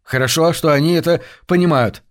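A man's voice: fairly high pitch, fairly quick, close to an everyday voice. Male narrator voicing a burly gambler; blunt, growling delivery. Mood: gruff. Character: gruff burly man, a hopeful gambler.

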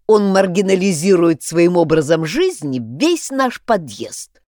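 Woman doing a pompous crab gentleman. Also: lowish voice, big pitch swings, measured pace, dry recording, clean studio sound. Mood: prim. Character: fussy male crab neighbor, pompous.

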